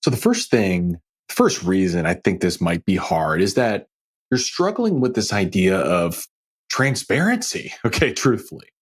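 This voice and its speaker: This solo financial advice podcast host is a middle-aged man with a mid-range, slightly rough voice. His delivery is conversational, emphatic and folksy, full of rhetorical check-ins with the listener.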